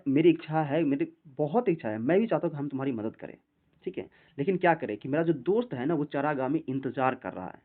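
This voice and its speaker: A male English teacher works through a story line by line, reading the English slowly before explaining each word in Hindi. His voice sits a little high and swings a lot in pitch. The sound is narrow and tinny, like a phone line.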